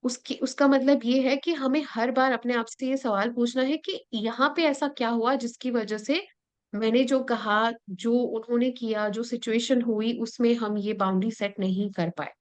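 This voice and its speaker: A woman's voice: on the high side, fairly even intonation, moderate pace. A woman with an Indian English accent leading an interactive lesson, explaining step by step and often checking that her listeners follow. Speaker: workshop facilitator.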